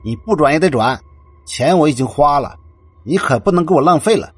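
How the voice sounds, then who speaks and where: Man doing a domineering mother, sneering, bossy, loud, husky. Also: medium pitch, sing-song, moderate pace, no echo, soft background music. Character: domineering moneyed middle-aged mother, scornful.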